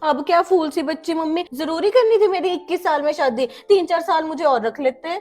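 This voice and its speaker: A woman's voice: very high-pitched, brisk, a little mellow, faint music behind. A woman acting in a comedy skit, with a whiny, complaining manner. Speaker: actor in comedy skits.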